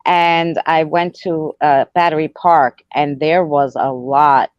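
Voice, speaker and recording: A spirit communicator from Queens, New York City talks casually as a guest, her accent clear as she meanders through retold stories and remembered dialogue. Her voice is low, slow and fairly even, captured in close, dull lo-fi audio with no echo.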